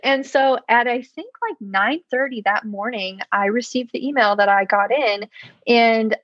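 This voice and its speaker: A young woman in her early twenties tells a personal story as an interview guest, her voice sitting a touch high. She acts out quotes with excited jumps in pitch and sprinkles in fillers and laughs. The recording is dry and slightly dull, with a lo-fi sound. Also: a little slow, no room sound. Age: early 20s. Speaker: guest, physical therapy school student. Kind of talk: casual interview chat.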